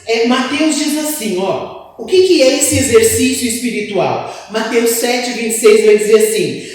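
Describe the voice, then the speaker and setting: A woman preacher giving an animated church sermon and calling on the congregation to answer her. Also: a little high. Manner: animated, asks the congregation for replies. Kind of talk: church sermon with call-and-response. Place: church hall. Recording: echoey hall, distant mic.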